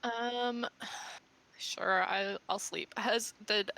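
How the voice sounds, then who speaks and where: A woman playing a tabletop game, talking casually with hesitant pauses and ums. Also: mid-range voice, fairly even intonation, gravelly, pushed and bright, low-quality recording. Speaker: player. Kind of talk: casual tabletop play chat.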